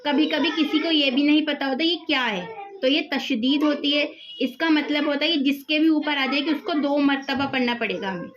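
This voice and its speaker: A woman teaching the rules of Quran recitation, patiently repeating each example and slowly drawing out the sounds. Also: sits high, a bit bright, slight background noise.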